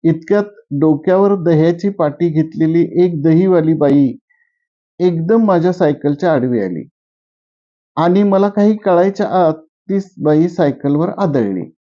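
A man reading a humorous short story aloud in a plain, steady first-person storytelling voice. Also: a little high, measured pace. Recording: dull lo-fi recording.

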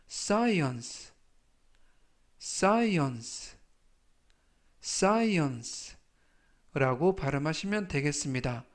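A man teaching English vocabulary, with Korean as his first language, repeating each word slowly three times in a patient, deliberate way. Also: on the high side. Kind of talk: slow, deliberate vocabulary lesson.

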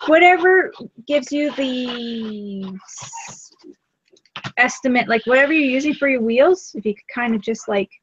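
A woman's voice: high voice, expressive, unhurried, dry recording, dull audio. A woman co-hosting a live craft stream, chatting in an easygoing way while she works.

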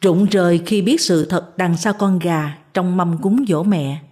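A woman narrating a scripted moral tale as a storyteller, with a calm, even reading. Her voice sits low and sounds mellow and warm. She reads the story steadily. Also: unhurried, slightly rough.

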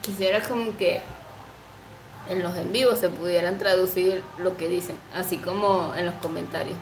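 A woman's voice: fairly low pitch, steady tone, normal speed, a little mellow, reverberant, slight background noise, low-quality recording. A woman in her twenties chatting casually on a livestream, reading comments aloud, giggling often and cooing baby talk to her pet. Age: 20s. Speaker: livestream host.

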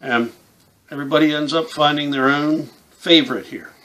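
In a rough recording from a small room with a camouflage backdrop, a fifty-something instructor and game call maker explains things informally, step by step, in a hands-on tutorial. His fairly high voice is steady and fairly bright, moving at a moderate pace.

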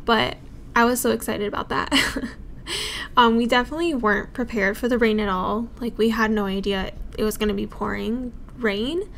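A woman's voice: fairly high pitch, fairly even intonation, moderate pace, vocal fry, a bit bright, slight background noise. A young woman in her twenties vlogging casually outdoors in a rainy park, gushing and giggly, filming at arm's length. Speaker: travel vlogger. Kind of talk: casual travel vlog. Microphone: handheld phone or camera at arm's length.

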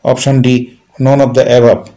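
A man reading multiple-choice quiz questions and answers aloud as a teacher, in a steady, repetitive listing manner. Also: mid-range voice, moderate pace, rough recording.

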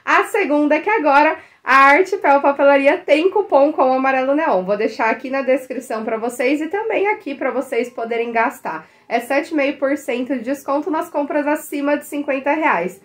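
A young adult woman with a Brazilian Portuguese accent, a teacher chatting excitedly to the camera as she unboxes stationery and breaks into delighted exclamations. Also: high-pitched, moderate pace, few pauses. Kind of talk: casual unboxing chat to the camera.

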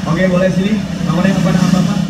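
High-pitched male raffle MC over echoing PA. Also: flat delivery, fast, far from the mic, heavy background noise. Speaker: event MC announcing raffle draw. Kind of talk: live stage announcing of prize draw. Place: outdoor festival stage at night. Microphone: heard over PA from a distant camera. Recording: echoey outdoor PA, loud music and crowd.

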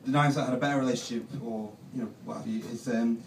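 A young man doing stand-up in a halting, deadpan way full of ums. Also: medium pitch. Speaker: stand-up comedian. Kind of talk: stand-up comedy set. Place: comedy club stage. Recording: roomy live club, distant mic, noisy.

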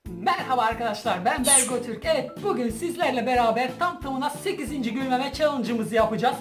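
A woman with a high voice hosts a challenge vlog in casual, animated chat. She sounds giggly, as someone trying not to laugh. The room is echoey, with clear music behind her. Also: a little fast. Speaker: YouTube challenge host. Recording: roomy echo, music behind.

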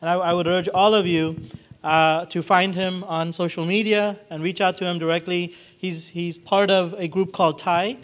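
A man's voice: high-pitched, little pitch movement, moderate pace. A man in his thirties hosting a college event on a handheld microphone in a large hall, speaking off the cuff with many restarts and fillers. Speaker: event host. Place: large hall with red walls and a projection screen.

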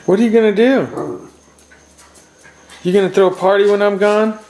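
High-voiced man teasing his dogs. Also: steady tone, moderate pace, darkish tone. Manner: playful, teasing baby talk to his dogs. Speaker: vlogger and dog owner. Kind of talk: casual chat to pets on camera. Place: home, indoors. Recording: roomy echo, faint noise.

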